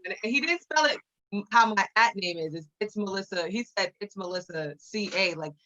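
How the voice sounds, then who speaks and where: A woman's voice: medium pitch, big pitch swings, fairly quick, sharp tone. A woman co-hosting a casual live-stream chat, telling stories chattily. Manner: chatty, storytelling. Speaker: co-host. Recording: dull, lo-fi sound.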